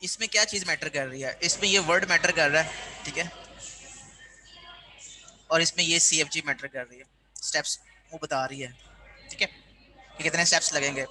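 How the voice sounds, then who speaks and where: This male university lecturer explains things one step at a time and keeps checking that his class is following along. His voice sits on the high side with a sharp edge, moving at normal speed but broken by long pauses, and the audio quality is poor.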